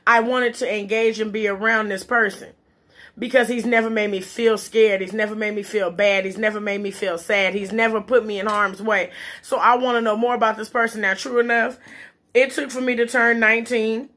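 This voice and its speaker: A woman's voice: a little high, fairly bright tone. A woman talking casually and bluntly in an opinionated, emphatic monologue, swearing freely and eating as she talks, her mouth sometimes full. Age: adult, parent. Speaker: vlogger giving relationship and parenting opinions. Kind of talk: casual chit-chat monologue.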